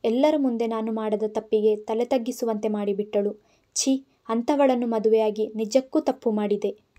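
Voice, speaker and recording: A woman voicing a sly young husband faking remorse in an audio story, speaking in a pleading, hushed way. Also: on the high side, fairly even intonation, normal speed, close to an everyday voice. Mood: aggrieved.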